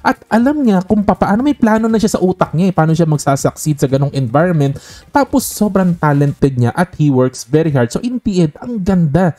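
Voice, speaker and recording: A man's voice: on the high side, animated, a little fast, mellow. A man hosting an investing channel, talking casually to camera with a frequent tag question and English phrases mixed in. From Philippines.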